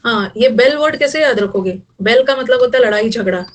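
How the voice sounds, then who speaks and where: A middle-aged woman with a fairly high voice teaches an online vocabulary class. She mixes Hindi and English and makes jokes to help words stick. Her voice sounds a little distant from the microphone. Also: a little fast. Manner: mixes Hindi and English, jokey memory tricks.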